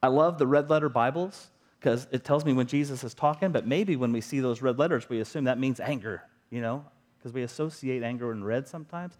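A man's voice: mid-range voice, fairly quick, a little mellow. A middle-aged man preaching a sermon as a pastor, talking in a conversational way and often asking the congregation rhetorical questions.

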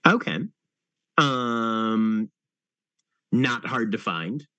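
A man narrating a tabletop game as game master, unhurried and pausing often to think. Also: lowish voice, animated, bright, forceful tone, no room sound, muffled recording. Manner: unhurried, with many thinking pauses.

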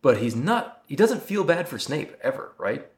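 A man's voice: mid-range voice, sing-song, moderate pace. A man co-hosting a casual book podcast, joking around and slipping into mock-stern voices. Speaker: podcast co-host. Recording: roomy echo.

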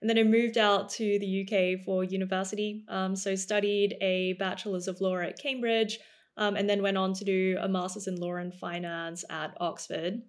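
A startup co-founder and CEO from Australia, in her thirties, explains her business as a podcast interview guest. Her mid-range voice stays level, polished and measured, though she says "um" often.

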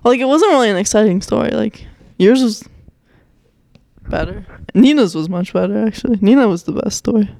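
A teenage girl in casual podcast chat, laid-back and halting, full of fillers. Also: medium pitch, animated, vocal fry, mellow, no echo. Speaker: podcast co-host.

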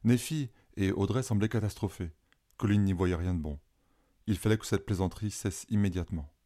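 Mellow low-voiced male storyteller. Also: brisk. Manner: calm, steady reading. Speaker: narrator. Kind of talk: scripted storybook narration.

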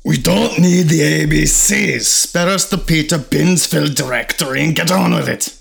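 A man voicing a hot-tempered, impatient man who speaks loudly and with scorn. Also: a little high, normal speed, creaky, husky, pitched above the performer's own voice, exaggerated voice. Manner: loud, scornful. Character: hot-tempered male warrior-scholar, gruff and impatient.

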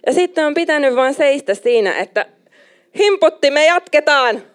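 A young adult woman preaching a sermon, emphatic and animated, slipping in English phrases now and then. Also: sits high.

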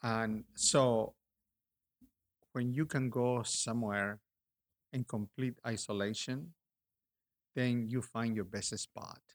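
This is a middle-aged man, an artist with a Peruvian accent, talking at medium pitch during a relaxed interview. He's thoughtful and hesitant, restarting his sentences frequently.

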